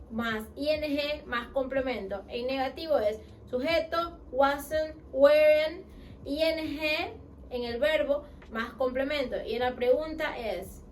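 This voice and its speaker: High-voiced, slow-speaking woman teacher. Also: slight background noise, low-quality recording. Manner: spells out and slowly repeats English example sentences; asks the learner questions and answers them herself. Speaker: English teacher. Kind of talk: online language lesson.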